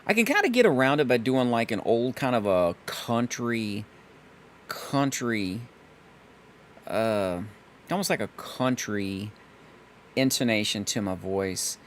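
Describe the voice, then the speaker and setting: A hoarse man casually commenting on his gameplay as a let's play host, thinking aloud and correcting himself. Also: mid-range voice, lively intonation, takes it slowly, pauses often, a little hiss or hum.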